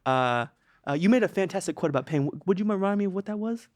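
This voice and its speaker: A man as a podcast guest, joking in a mock-solemn, deadpan way with pauses and repeats. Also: high voice, no echo, studio quality. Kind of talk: comic deadpan chat.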